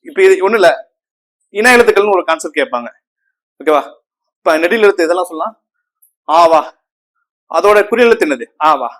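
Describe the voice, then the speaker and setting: Teaching Tamil grammar, this man speaks in a high, fairly bright, animated voice, a little fast but with long pauses. He often checks whether the students are following, repeats key terms, and counts on his fingers.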